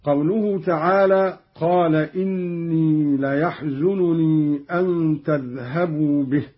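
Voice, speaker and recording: A man explaining Quranic reading variants, pausing to chant each verse slowly and deliberately. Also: fairly high pitch. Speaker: Quran reciter and teacher. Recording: dull lo-fi archival radio recording.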